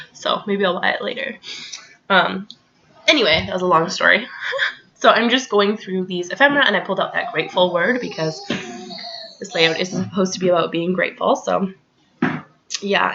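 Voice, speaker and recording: Chatty young woman, bright, slightly lo-fi. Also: on the low side, a little hiss or hum. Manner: rambling, chatty, many ums and likes. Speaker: crafting vlogger. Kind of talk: casual voice-over while scrapbooking.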